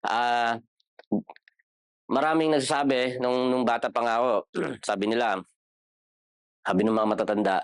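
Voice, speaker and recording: A man's voice: medium pitch, fairly even intonation, normal speed, pauses often, clear, resonant tone, dry recording, clean studio sound. A man with a Filipino accent teaching a Bible class in a casual, chatty way, questioning his listeners and joking. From Philippines. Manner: chatty, asks the class questions, jokes, code-switches. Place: church classroom.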